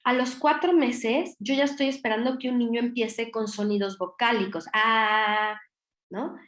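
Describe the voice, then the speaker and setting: A woman with a Mexican Spanish accent lectures to doctors in an explanatory way, tossing in quick tag questions as she goes. Her voice sits fairly high, and the recording has a noticeable echo. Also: fairly even intonation, fairly bright tone. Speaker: lecturer on child language development. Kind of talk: virtual conference lecture.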